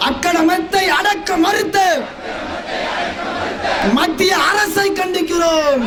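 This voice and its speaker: A man leading a street protest, shouting slogans through a megaphone and repeating each line in a chanting rhythm. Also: very high voice, fairly even intonation, takes it slowly. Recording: echoey megaphone amid loud crowd noise.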